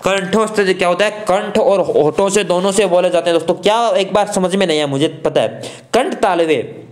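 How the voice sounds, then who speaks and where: Casual male grammar teacher, higher voice. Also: darkish tone. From Rajasthan. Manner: casual, addresses students as friends, sounds out vowels. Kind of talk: online exam-prep grammar class.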